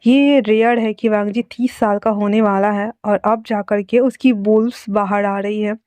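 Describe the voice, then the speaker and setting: A woman's voice: mid-range voice, steady tone, unhurried, a little mellow, no room sound, natural voice. A woman reading the lines of an earnest young man of a wolf pack in a storybook. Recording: dull lo-fi dry recording.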